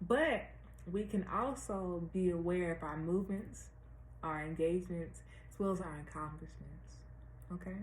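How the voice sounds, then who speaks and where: An American woman talking slowly and deliberately with a slight retainer lisp, giving casual spiritual guidance to viewers and repeating phrases for emphasis. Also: on the low side. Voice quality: slightly lisped speech from wearing a dental retainer. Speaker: tarot reader and astrologer hosting a weekly series. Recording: roomy echo with faint background noise.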